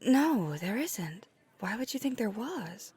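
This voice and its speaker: In an intimate ASMR roleplay, a woman voices a flirty, caring female vampire with an exaggerated, low voice that has a soft creak and a breathy, near-whispered edge. She speaks slowly and softly, halting and hesitant as she hunts for words. Her mood comes across as surprised and reassuring.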